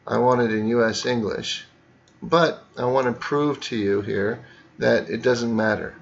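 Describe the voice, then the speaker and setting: Slow, methodical male teacher. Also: medium pitch, steady tone, gravelly, highs cut off. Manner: unhurried, talks through each click step by step. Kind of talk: narrated screen tutorial for students.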